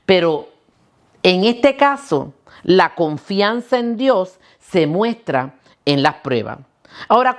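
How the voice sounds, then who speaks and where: A woman pastor preaching a sermon, asking the listeners questions and restarting words now and then. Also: mid-range voice.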